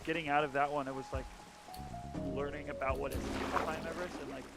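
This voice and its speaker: A man's voice: fairly high pitch, flat delivery, fast, over loud music. A young man co-hosting a stream, rambling in casual chat with lots of fillers and restarts, his voice cracking now and then. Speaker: stream co-host.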